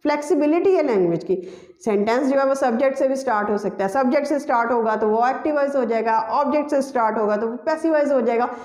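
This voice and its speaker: In an echoey room, a woman teaches an English grammar lesson, walking through it step by step. She repeats key terms and speaks directly to her students. Her voice sits high and is a little mellow.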